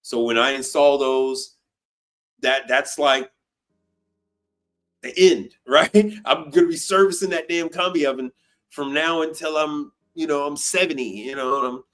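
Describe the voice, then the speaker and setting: On an unscripted livestream, a commercial appliance service technician in his fifties answers viewer questions bluntly and emphatically, repeating phrases and swearing freely. His voice is a little high and a bit bright, with fairly even intonation and a slightly slow pace.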